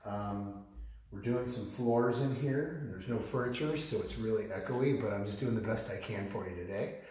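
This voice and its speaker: A man giving casual, encouraging exercise instruction as a coach, his voice ringing with big hall echo in a bare, empty room. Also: lowish voice. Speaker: fitness coach, video host. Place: bare unfurnished room at home during floor work. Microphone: camera mic from a distance. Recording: big echoey empty-room sound, distant mic.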